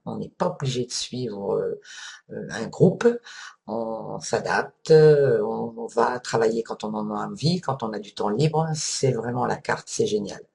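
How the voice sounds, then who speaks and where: A woman giving an earnest, enthusiastic testimonial as a holiday rental owner, pausing on fillers. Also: very deep voice, vocal fry, darkish tone.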